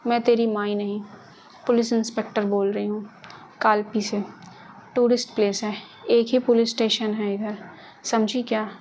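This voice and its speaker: Woman voicing a gruff lady cop, curt, bossy, flat delivery, audiobook story. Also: mid-range voice, moderate pace, pauses often, a little hiss or hum, lightly acted. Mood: scolding. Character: stern, harsh small-town female police inspector.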